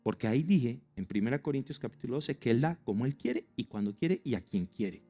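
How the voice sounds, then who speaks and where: A man with a Colombian accent, preaching a sermon in a lively, joking way and acting out stories. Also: medium pitch, fairly quick, faint music behind. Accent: Colombian Spanish. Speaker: pastor.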